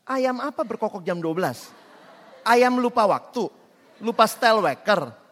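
A man preaching a sermon in an animated way, acting out quoted dialogue and swinging between loud and soft passages. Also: high-pitched, unhurried. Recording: long hall reverb.

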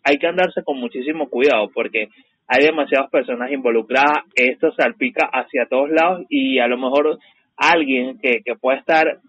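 A man hosting a radio show, speaking in a measured, careful way as he wraps up a topic. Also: mid-range voice, fairly bright tone, slightly rough, dry recording. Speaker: radio host. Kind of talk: casual radio commentary. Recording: dull, dry radio studio sound.

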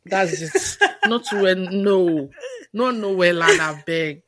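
A woman's voice: fairly low pitch, slow pace, background noise. A woman co-hosting a podcast in casual chat, playful and teasing, with mock exasperation. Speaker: podcast co-host.

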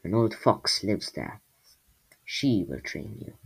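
A man's voice: on the low side, animated, slow, vocal fry, husky, exaggerated voice. A man reading as a timid little creature. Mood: firm. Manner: shaky, hushed delivery. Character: timid young creature, shaky then firm.

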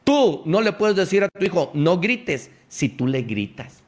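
A man's voice: high voice, very animated, moderate pace, a little mellow. A man giving a preachy, emphatic motivational radio talk, speaking straight to the listener.

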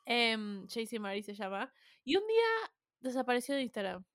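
A woman's voice: fairly high pitch, sing-song, normal speed. A woman with a Rioplatense Spanish accent, chatting casually as a podcast co-host and dropping in English words. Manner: chatty, laughs often, mixes in English words. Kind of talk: casual chat.

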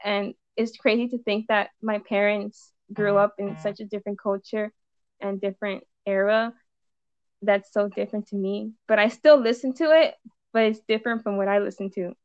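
A woman's voice: medium pitch, steady tone, moderate pace, clean tone, dry recording. Young woman, dull lo-fi dry sound. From Los Angeles, USA. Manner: rambling, many "like"s and trailing restarts. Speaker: musician guest. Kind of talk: casual podcast chat.

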